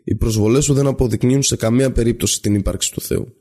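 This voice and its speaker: A man voicing an indignant older male university professor who snaps back in loud, offended outbursts. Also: medium pitch, steady tone, natural voice. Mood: dismissive.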